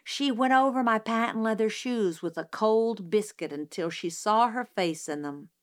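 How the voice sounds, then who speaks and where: A woman reading a novel aloud as an audiobook narrator, in measured, unhurried storytelling. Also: mid-range voice.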